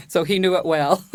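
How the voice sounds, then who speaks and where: A woman's voice: fairly low pitch, no room sound. An older woman from southern Utah, a guest in an interview, chatting and laughing often as she remembers. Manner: chatty, laughs often, lively when retelling. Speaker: guest, co-author. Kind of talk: conversational interview.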